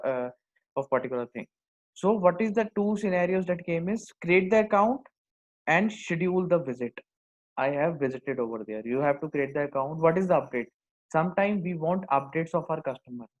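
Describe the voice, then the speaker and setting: A man's voice: on the high side, a bit bright. Indian-accented man explaining, muffled lo-fi sound. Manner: repeats phrases for emphasis. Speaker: software instructor. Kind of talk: screen-demo tutorial, explaining step by step. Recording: dull lo-fi microphone sound.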